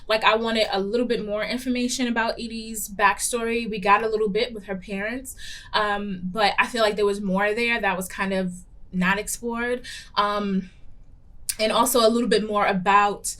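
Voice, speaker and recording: A woman's voice: medium pitch, fairly even intonation, normal speed, a bit bright. A young adult woman hosting a casual book review vlog, talking candidly with lots of ums and the odd playful swear word. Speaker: book reviewer and show host.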